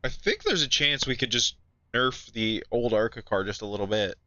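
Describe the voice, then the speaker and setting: A man with a mid-range, bright, pushed voice talks at normal speed while playing a racing simulator, casually thinking out loud. There's no echo, but the recording sounds dull and a bit lo-fi.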